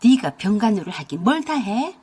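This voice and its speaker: A stern, hot-tempered old mother-in-law scolds in a low, booming, slow voice, as a woman reader puts her on. A breathy edge runs through her words. It is a storybook radio drama with one reader playing every part. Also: very animated, mellow. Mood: scolding. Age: older.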